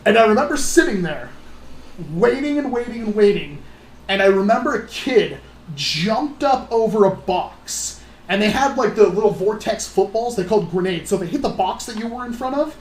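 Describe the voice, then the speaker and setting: A woman telling stories on a casual livestream in an animated, rambling way, acting out other people's voices. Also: mid-range voice, moderate pace, slight background noise. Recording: roomy echo.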